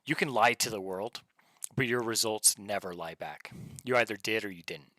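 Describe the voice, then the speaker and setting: A man's voice: fairly low pitch, moderate pace, bright, forceful tone, dry recording. A man delivering a scripted, military-style motivational speech in blunt, commanding, short punchy phrases. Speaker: motivational speaker.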